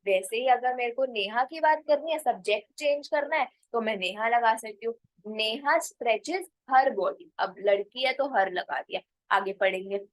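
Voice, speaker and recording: Brief: woman English teacher, high and dry close voice, patient step-by-step explainer. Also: no room sound, low-quality recording. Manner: explains step by step, repeats phrases slowly. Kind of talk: spoken English lesson in Hindi.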